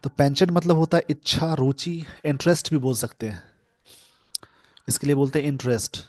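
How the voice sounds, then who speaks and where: Man slowly explaining grammar. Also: on the high side, a little mellow, no room sound, clean studio sound. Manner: explains word by word, reads English phrases slowly. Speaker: English teacher. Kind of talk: newspaper editorial lesson.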